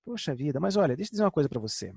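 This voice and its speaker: An older man preaching a sermon with personal testimony, earnest, sinking to soft lows and rising to emphatic highs. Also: big pitch swings, very fast, vocal fry, husky, no room sound.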